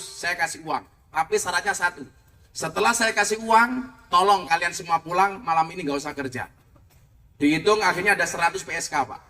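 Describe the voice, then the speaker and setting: A man's voice: sits high, bright, forceful tone. A man preaching a comic sermon, telling stories with playful jokes and asides. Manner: joking, storytelling, playful asides. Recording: distant mic with faint noise.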